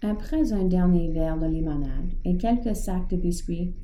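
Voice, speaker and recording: A woman reading a children's storybook aloud in a slow, gentle, measured way. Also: fairly low pitch, a little hiss or hum. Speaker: narrator. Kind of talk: storybook read-aloud narration. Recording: echoey room.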